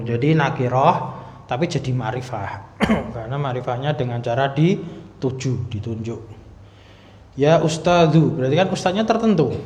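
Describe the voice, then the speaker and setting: Patient ustadz in an echoey mosque hall. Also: male voice, on the high side, a little mellow. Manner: patient, explains step by step, clears throat often. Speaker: ustadz teaching Arabic grammar. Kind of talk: mosque study class. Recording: roomy, echoey hall, dull lo-fi sound.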